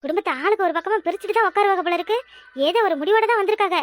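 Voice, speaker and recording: Speaking with a Kanyakumari southern Tamil accent, a woman voices a complaining cartoon village wife in an extremely high, rapid voice. She frets, laments, and keeps exclaiming to herself. It's a lamenting cartoon performance.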